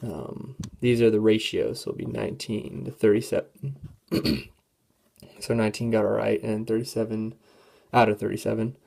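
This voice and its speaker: A teenage student walks through a statistics problem on a calculator, hesitating with many fillers and clearing a voice that is going hoarse. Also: mid-range voice, steady tone, a little mellow. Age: teens. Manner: halting, filler-heavy, thinking aloud. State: losing voice, throat clearing. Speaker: student presenter. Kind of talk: classroom walkthrough of a calculator test.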